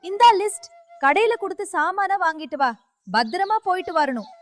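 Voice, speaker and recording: A woman voicing a caring mother of the household in a cartoon, giving gentle, motherly instructions. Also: extremely high pitch, big pitch swings, moderate pace, soft background music. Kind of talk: cartoon dubbing.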